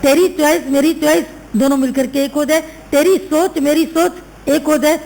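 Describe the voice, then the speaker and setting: A woman delivers a sermon and tells a moral story, acting out the voices of its people. Her voice sits high and carries a gravelly edge. She drives each point home by repeating it. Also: fairly even intonation, moderate pace, darkish tone, rough recording. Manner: repeats phrases for emphasis, acts out the story's voices. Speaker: spiritual teacher.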